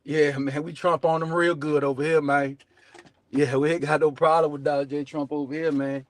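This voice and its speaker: A man's voice: a little high, level tone, moderate pace, no room sound. A man with a Southern US accent hosting a show with casual political commentary in a brash, profane, slangy way, repeating his catchphrases. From southern United States. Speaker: show host.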